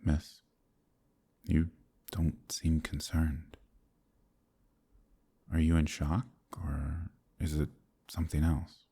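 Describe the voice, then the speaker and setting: In a romantic fantasy ASMR roleplay, a man voices a gentle, troubled werewolf, deep and husky, soft-spoken and hesitant with formal, old-fashioned phrasing. The performance is heavily acted, slow, full of pauses, with little pitch movement and a sombre mood.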